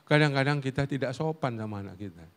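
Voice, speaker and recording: A middle-aged man gives a humorous family-life sermon at a church service. His pitch sits in an ordinary male middle but swings widely as he moves between stories and questions to the congregation. He laughs easily along the way. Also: fast talker. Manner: animated storytelling with audience questions and laughter. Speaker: guest preacher and counselor.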